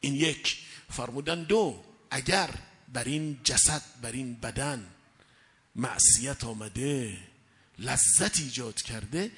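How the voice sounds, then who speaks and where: A man preaching a sermon, slow and measured, with sudden loud emphatic rises. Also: medium pitch. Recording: echoey hall reverb.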